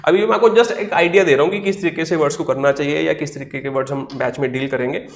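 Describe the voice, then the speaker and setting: A man's voice: a little high, quick pace, echoey room. A man teaching English vocabulary in an online class, explaining step by step, spelling words out letter by letter and answering his own questions. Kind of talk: online class lecture in Hindi.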